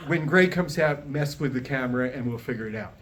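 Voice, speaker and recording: On stage at a podium, a man in his 60s or older serves as master of ceremonies, introducing a show to a small live audience in a folksy, joking, informal way and chatting with the crowd. His mid-range voice moves fairly quickly, and the audience can be heard in the background.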